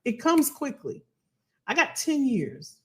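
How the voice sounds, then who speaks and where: A woman hosting a casual livestream as a financial coach, animated and colloquial, repeating phrases for emphasis. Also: high voice, takes it slowly. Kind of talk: casual livestream talk to viewers.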